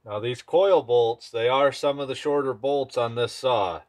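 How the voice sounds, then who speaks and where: Working at an indoor bench, a man who repairs chainsaws and hosts videos shows a casual, hands-on technique, tossing off brief phrases as he goes. He has a mid-range, darkish voice at a measured pace. Clear background noise and clicking tools can be heard.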